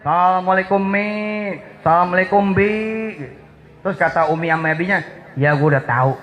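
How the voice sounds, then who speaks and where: A man's voice: sits high, normal speed, fairly bright tone, poor audio. A man preaching a sermon, teasing the crowd playfully and acting out little dialogues. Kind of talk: Islamic sermon.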